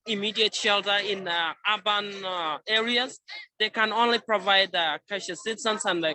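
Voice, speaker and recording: A man from Sudan, speaking as a refugee spokesman at an outdoor protest, earnest and insistent. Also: sits high. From South Sudan. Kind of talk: press conference testimony over a call. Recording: crowd noise from an outdoor protest. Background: crowd.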